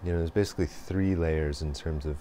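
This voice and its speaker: A man hosting a reflective monologue, speaking slowly and thoughtfully with many pauses and fillers. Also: extremely low pitch, steady tone, dark tone, a little hiss or hum. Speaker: host.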